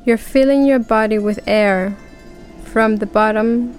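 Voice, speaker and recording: A woman guiding a relaxation breathing exercise, speaking calmly and counting breaths aloud with long pauses. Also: fairly high pitch, clean tone, soft background music. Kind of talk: guided relaxation script.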